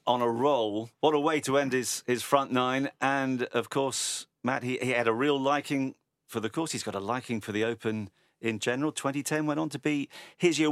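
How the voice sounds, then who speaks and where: A man's voice: medium pitch, fairly bright tone, dry recording. Jovial male podcast host, dry studio. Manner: upbeat, jovial. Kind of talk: hosting a sports podcast.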